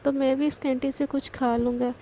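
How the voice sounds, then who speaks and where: A friendly young office guy, voiced by a woman narrator. The voice stays high and flat with a gravelly, dark tone, a faint hum underneath. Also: a little fast. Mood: casual.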